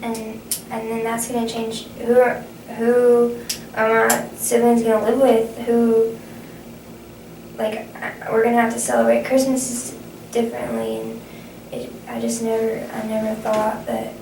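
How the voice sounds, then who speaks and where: A young adult woman speaking haltingly, often restarting phrases, in a conversational counseling role-play as the client. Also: on the high side, fairly even intonation, gravelly, darkish tone. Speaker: student playing a counseling client. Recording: echoey, distant, noisy room recording.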